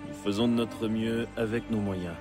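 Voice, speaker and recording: An actor playing a steady, consoling comrade in a game, speaking in a measured, earnest way. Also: male voice, fairly low pitch, close to an everyday voice. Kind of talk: dramatic video game dialogue. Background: music.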